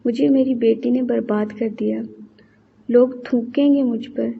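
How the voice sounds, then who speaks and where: A woman's voice: on the high side, steady tone, creaky, slight background noise. A woman voicing an older father, distraught over shame or tender toward his daughter. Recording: slightly muffled recording.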